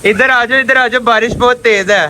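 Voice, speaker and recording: A man's voice: very high voice, fairly even intonation, brisk, low-quality recording. A man casually vlogging outdoors on a rooftop in rain and wind, chatting playfully and calling his viewers guys. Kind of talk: casual vlog talk to viewers. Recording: loud wind and rain noise on a phone mic.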